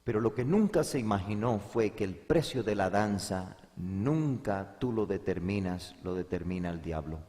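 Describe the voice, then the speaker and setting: A male pastor giving an emphatic sermon, swinging between loud and hushed and repeating words for emphasis. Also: lowish voice, animated, normal speed, hardly any pauses. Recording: long hall reverb.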